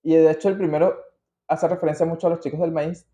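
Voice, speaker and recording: This podcast host is a Venezuelan-accented man whose voice runs on the high side, with a level, mellow tone and a quick pace. He chats loosely from notes, full of slang and tangents. The audio is muffled and echoey.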